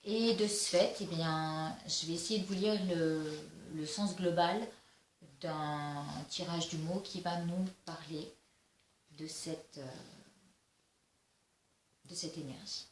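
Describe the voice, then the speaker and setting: A woman giving a casual spiritual oracle card reading, slow and halting with many fillers and restarts. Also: fairly low pitch, steady tone. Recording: echoey room with faint noise.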